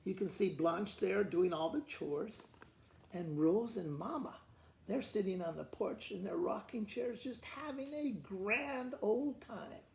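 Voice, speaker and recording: Unhurried and high-pitched, with vocal fry, this man is a school principal reading to pupils. He tells the children's story in plain, conversational language and adds informal explanations along the way; the recording has a roomy echo and faint background noise.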